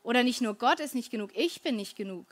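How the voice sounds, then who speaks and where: High-voiced woman giving a devotional talk. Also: expressive, quick pace. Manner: earnest, conversational, asks listeners directly.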